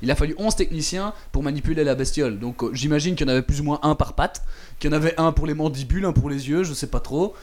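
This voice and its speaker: A man with a fairly high voice talks at a quick pace. As a radio show contributor, he chats casually on a talk show about a trip he took, using lots of fillers and repeated words.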